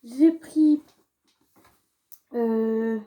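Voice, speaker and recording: A woman's voice: a little high, extremely slow, dark tone. Chatty young French woman vlogger. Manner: chatty, many fillers and restarts. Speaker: beauty vlogger. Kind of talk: casual haul vlog.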